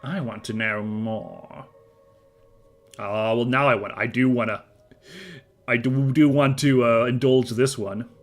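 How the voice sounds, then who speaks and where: A man with a medium-pitched voice commentates casually on a game he is streaming. He rambles through self-amused asides. Music plays behind him. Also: steady tone, a little slow, long pauses.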